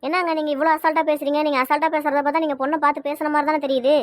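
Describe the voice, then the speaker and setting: A woman playing a frantic, fast-talking mother. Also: high voice, level tone, no echo, close to an everyday voice. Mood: accusing. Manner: rapid pleading questions, fretful. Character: anxious mother fretting over missing daughter. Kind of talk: amateur family web drama.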